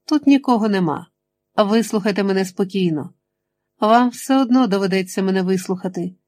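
A woman voicing a menacing, controlling male chemist in an audiobook, speaking slowly and insistently. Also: mid-range voice, darkish tone, close to an everyday voice. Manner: slow, insistent, threatening.

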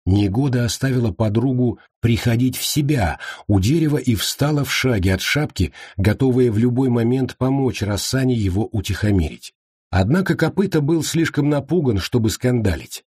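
Man, audiobook narrator, expressive, lively, husky, dry close recording. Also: medium pitch, normal speed, dry recording.

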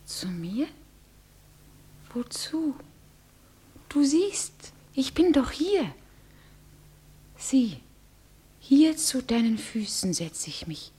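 Brief: devoted, frightened young bride in a radio play; breathy, high-ish, slow and pleading. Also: female voice, very animated, dark tone, heavily acted. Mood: despairing. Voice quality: breathy, often whispering. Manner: pleading, trembling. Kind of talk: classic radio play acting.

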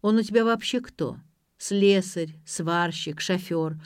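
A woman's voice: on the low side, slow pace, a little mellow, no echo, studio quality. A woman voicing a cold, demanding man speaking on the phone, curt and commanding.

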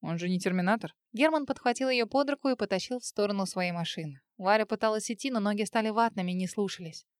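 A woman narrating an audiobook with steady, even storytelling. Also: mid-range voice, fast talker, clean tone, no room sound, clean studio sound. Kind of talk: scripted narration.

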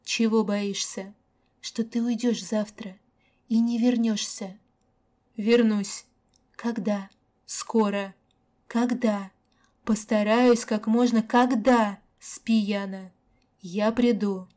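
A woman's voice: fairly high pitch, fairly even intonation, slow pace, long pauses, dark tone. A woman reading the lines of a reserved adult man who speaks curtly and dryly in an audiobook. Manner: dry, curt. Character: reserved adult man, dry terse lover.

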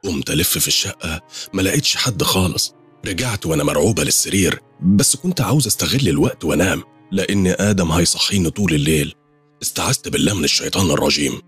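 A man with an Egyptian accent narrating a first-person horror story, quick and animated. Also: low-pitched, breathy edge, faint music behind. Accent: Egyptian Arabic.

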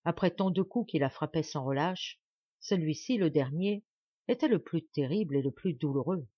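A woman's voice: deep voice, moderate pace, no echo. Brief: woman audiobook narrator, dramatic emphatic reading, dry close sound, slightly lo-fi. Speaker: audiobook reader.

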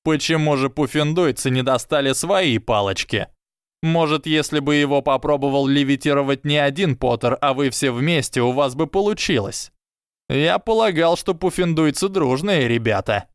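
A man's voice: a little high, moderate pace, clean tone, dry recording, clean studio sound, voice pushed up, close to an everyday voice. A man voicing an arrogant, scheming schoolboy wizard who drawls and mocks. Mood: mocking. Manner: drawling, mocking.

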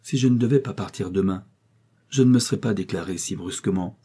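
A man's voice: low-pitched, fairly quick, dark tone, husky. A man voicing a poor young baronet who passionately declares his love in a read-aloud novel, in a pleading, ardent way.

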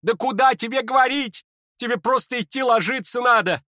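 A man's voice: extremely high pitch, normal speed, sharp tone, no echo, studio quality, voice pushed up. A man reading an audiobook and voicing a hot-tempered older woman who scolds shrilly and indignantly. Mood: frightened scolding.

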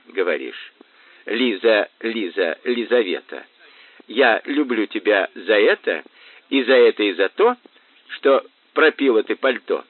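A man's voice: mid-range voice, no room sound. A man voicing a drunk, rowdy thug who blusters coarse threats; tinny, dry recording. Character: drunk, rowdy middle-aged male thug. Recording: tinny phone-like band, dry.

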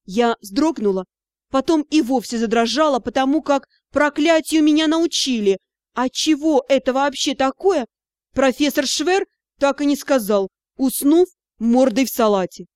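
High-voiced woman narrating an audiobook. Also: measured pace, no room sound, studio quality. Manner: expressive storytelling with acted dialogue. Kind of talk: scripted first-person narration.

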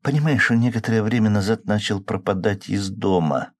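A man's voice: lowish voice, brisk, no room sound, studio quality, pitched above the performer's own voice, natural voice. A man voicing an upset young woman who sighs and pleads plaintively, in an audiobook. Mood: confiding. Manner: plaintive, sighing. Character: upset young woman, worried about her drinking man.

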